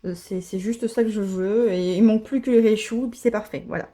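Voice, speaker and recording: Steady, mellow, and mid-range, this woman's voice moves fairly quickly. As a card-opening vlogger she chats casually through her packs, enthusing about what she pulls and leaning on many fillers.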